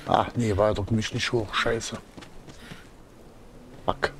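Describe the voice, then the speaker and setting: Man, casual gameplay commentary, muttering to himself, gravelly fry, faint game ambience behind. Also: fairly low pitch, fairly even intonation, slow, noisy background. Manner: muttering to himself, thinking aloud. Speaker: game streamer.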